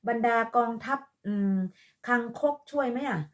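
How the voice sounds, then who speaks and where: A woman's voice: a little high, moderate pace. A woman ranting in a vlog monologue, scolding and mocking with crude insults in a sarcastic motherly tone. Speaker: online commentator.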